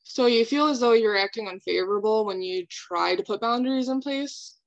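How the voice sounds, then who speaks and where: A woman speaking as a calm therapist in a counseling role-play, validating and asking reflective questions. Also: fairly high pitch, normal speed, muffled recording.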